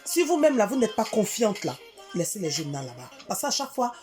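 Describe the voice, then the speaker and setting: A middle-aged woman from Africa tells a story to her viewers in a casual monologue, animated and indignant, repeating words for emphasis. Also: mid-range voice, fairly quick, faint music behind. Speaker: vlogger addressing her community.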